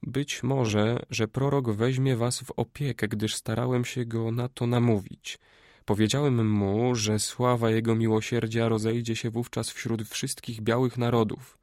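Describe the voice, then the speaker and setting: A man reading a Greek adviser in an audiobook, speaking quietly, slowly and persuasively. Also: mid-range voice, flat delivery, no room sound, studio quality, close to an everyday voice. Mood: hushed persuasive. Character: a scheming older Greek man, hushed adviser.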